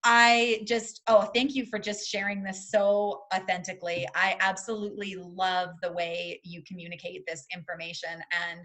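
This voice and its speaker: A woman in her thirties hosting a podcast, chatty and enthusiastic, talking in quick bursts. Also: medium pitch, steady tone, a bit bright, poor audio. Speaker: podcast host. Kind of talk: casual podcast conversation.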